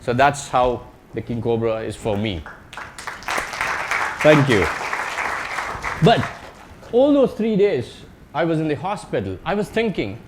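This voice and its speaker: A man with an Indian accent tells anecdotes in a conversational, joking way as a researcher giving a public slide talk, in short phrases with tag questions. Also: a little high. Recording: live talk with background noise.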